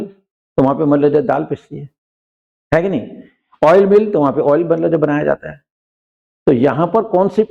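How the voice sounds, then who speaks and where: Gravelly-voiced man teaching grammar. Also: a little high, lo-fi sound. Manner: explains patiently, reads English example sentences slowly and deliberately; frequently checks in with listeners. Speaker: English teacher. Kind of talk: classroom grammar lesson.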